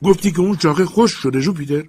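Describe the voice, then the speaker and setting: A man voicing an excitable, obsessed master who shouts urgent commands up a tree. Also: medium pitch, slightly rough, pitched above the performer's own voice. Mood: urgent, commanding.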